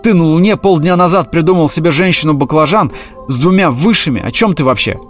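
A bossy male remote-control creature from a storybook, hot-tempered and commanding, as a man puts him on. He barks his lines higher and louder than the narrator. Faint music plays in the background. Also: animated, quick pace, close to an everyday voice. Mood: brusque.

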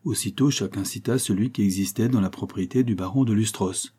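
A man reads a short story aloud, his voice low and husky. The telling is measured and even, with a mellow, dark tone. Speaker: narrator. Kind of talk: audiobook reading of a short story.

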